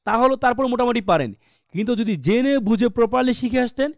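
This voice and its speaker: A man's voice: very high-pitched, quick pace, gravelly, no echo, clean studio sound. A man with a Bangladeshi Bengali accent teaching English pronunciation in a live online class, quizzing students and sounding words out letter by letter.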